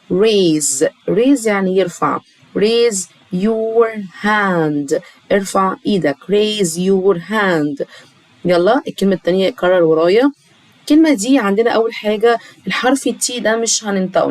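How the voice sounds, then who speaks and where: A woman with an Egyptian Arabic accent, teaching a children's English lesson and slowly repeating each English word. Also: mid-range voice, darkish tone. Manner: slow, drawn-out repetition of English words.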